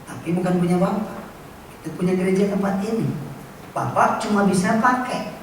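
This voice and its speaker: A man's voice: sits high, a little fast. Brief: playful male preacher, recorded from afar in a big echoing hall with faint noise. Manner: playful, teasing, asks the congregation questions. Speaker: pastor. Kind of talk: sermon with a live illustration. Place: large church hall. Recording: very echoey church hall from far off, faint noise.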